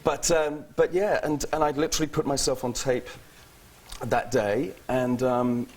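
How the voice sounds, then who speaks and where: Chatty British actor guest, laughs a lot, talks in stops and starts, talk-show interview. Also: male voice, medium pitch, little pitch movement, measured pace. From England.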